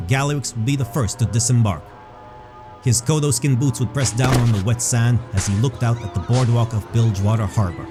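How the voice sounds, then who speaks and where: A man with a mid-range voice narrates a scripted fantasy story, describing things in a measured, storytelling style.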